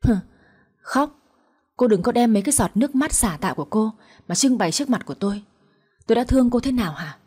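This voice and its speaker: A woman playing a bitter, vengeful husband, cold and harsh, breathy and mellow. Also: mid-range voice, moderate pace, close to an everyday voice. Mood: furious. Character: cold, vengeful husband, a man in his thirties.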